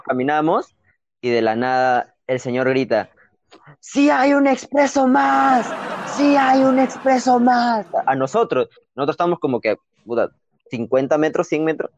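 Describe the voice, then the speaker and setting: A young man with a Peruvian accent, telling childhood stories in an animated, slangy way with frequent laughs, as a podcast co-host. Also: fairly high pitch, slight background noise. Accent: Peruvian Spanish. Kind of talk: casual storytelling chat. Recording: dull, dry lo-fi recording.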